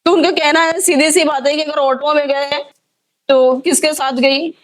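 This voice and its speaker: Woman, lawyer, high voice, pleading, distressed, news interview. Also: fairly even intonation, unhurried.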